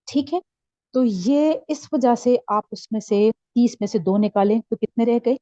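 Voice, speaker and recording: A patient woman with a Pakistani Urdu accent teaches a recitation class, pausing often to check that everyone follows. Her voice sits a little high but has a dark, mellow tone. The recording is dull and lo-fi, with a dry sound. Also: no echo. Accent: Urdu-speaking Pakistani. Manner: slow drawn-out letter recitation. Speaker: Quran teacher. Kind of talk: classroom lesson.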